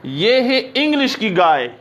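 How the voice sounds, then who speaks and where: A man teaching an English grammar lesson, reading example sentences slowly and often checking that his students understand. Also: high voice, very animated, a bit bright. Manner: explains in Urdu, reads English examples slowly.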